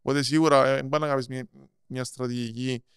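A man with a Cypriot Greek accent explaining things in casual interview talk, halting and repeating words as he goes. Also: mid-range voice, steady tone, clear, resonant tone, no room sound, studio quality. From Cyprus. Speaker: podcast guest, marketing strategist.

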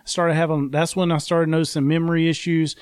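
A man's voice: a little high, little pitch movement, brisk, darkish tone, clear, resonant tone, dry recording, studio quality. A man in his thirties telling his own story in frank, plainspoken casual talk, swearing now and then. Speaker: guest, army veteran. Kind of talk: candid conversational storytelling.

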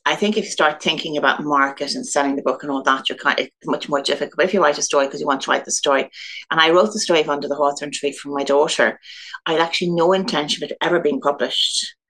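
Irish woman, Dublin accent, rapid speech, fry in the voice, chatty guest author. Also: low voice, steady tone, fairly bright tone. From Ireland (Dublin). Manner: chatty, laughs often, rambling storytelling. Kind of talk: casual interview chat.

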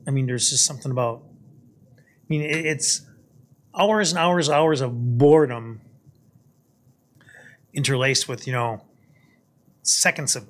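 An older man, a guest on a podcast, recounting his time as a hurricane hunter pilot in a casual, halting way, often repeating words. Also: mid-range voice, a bit bright. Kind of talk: casual storytelling.

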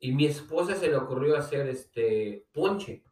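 A man's voice: medium pitch, animated, a little slow, a little mellow. Chatty man with a Mexico City accent. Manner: laughs while telling anecdotes, swears casually. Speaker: podcast co-host. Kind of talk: casual chat. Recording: echoey room, distant from mic.

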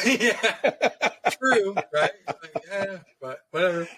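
A man co-hosting a casual podcast chat, telling stories in an animated way, swearing freely and laughing often. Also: sits high, slow pace. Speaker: podcast co-host, tattoo artist.

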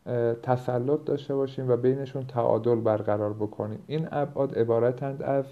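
A dull, low-bitrate recording of a man with a mid-pitched voice. He talks as a coach hosting an informal podcast, explaining things step by step. His delivery has hesitant pauses and filler sounds. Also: fairly even intonation. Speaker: productivity coach and podcast host. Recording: low-bitrate, dull lo-fi home-edited audio.

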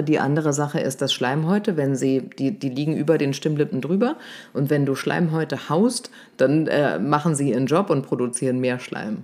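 A voice coach explaining speaking technique in a casual conversation, lively and explanatory, often checking in with "ne?". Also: medium pitch. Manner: explanatory, lively, demonstrates stresses with exaggerated emphasis; uses fillers like "ne?" and "ja?".

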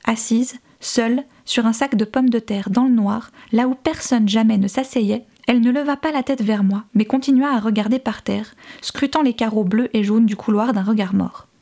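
Woman reading an audiobook, soft hushed delivery, warm mellow voice, a bit high. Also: moderate pace, hardly any pauses. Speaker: audiobook reader. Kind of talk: scripted narration.

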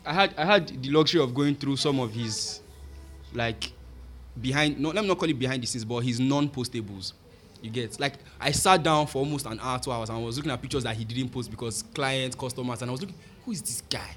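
A Nigerian man hosting a casual podcast, speaking slangy English mixed with Pidgin and often repeating his phrases excitedly. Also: mid-range voice, brisk, slight background noise. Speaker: podcast host.

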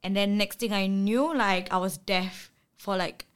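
A woman's voice: medium pitch, measured pace, clean tone. A young woman with a Singaporean accent and Singlish slang, chatting casually as she takes part in a guessing game. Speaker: game participant giving statements.

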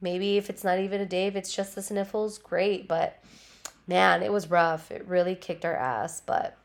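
A lowish female voice with vocal fry, steady in tone and moderate in pace. She's chatting on her own podcast from home, dogs around her, meandering through topics with plenty of swearing and a heavy reliance on "like." A cold has just left her voice, though her nose remains blocked.

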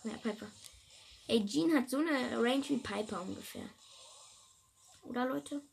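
A woman giving casual, chatty let's-play commentary to her viewers, excitable and joking, sometimes dropping to a whisper. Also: on the high side, measured pace, gravelly, a little hiss or hum. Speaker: gaming video creator.

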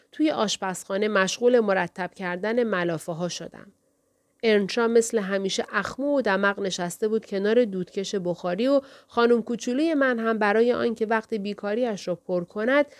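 Dry, steady woman audiobook narrator. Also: medium pitch, no echo. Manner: measured, steady storytelling. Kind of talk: first-person novel narration. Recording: dry, close studio recording.

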